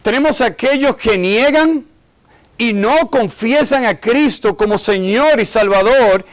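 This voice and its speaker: High-voiced earnest preacher man. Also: unhurried. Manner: earnest preaching, keeps asking listeners "¿verdad?". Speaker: pastor. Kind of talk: sermon.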